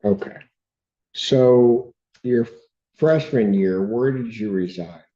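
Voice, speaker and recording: A man's voice: medium pitch, slow pace, dark tone. A man presiding as judge, firmly questioning and cutting in with repeated "ma'am". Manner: firm, interrupts with repeated "ma'am". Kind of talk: courtroom questioning. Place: courtroom. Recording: dull courtroom audio.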